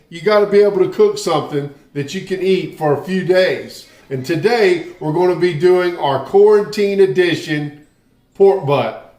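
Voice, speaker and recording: Speaking straight to the camera in an easygoing, folksy way, a Southern barbecue channel host from the Southern United States walks viewers through a casual home tutorial. His Southern American-accented voice sits high and is a little mellow, in an echoey room. The setting shifts from his home kitchen to an outdoor grill area.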